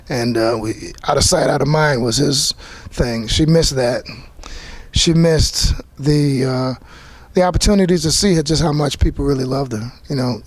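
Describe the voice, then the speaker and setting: A man's voice: medium pitch, dry recording. A man, a playwright, speaking earnestly and reflectively in a talkback interview after a theater performance, often restarting his sentences. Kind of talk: post-show talkback interview.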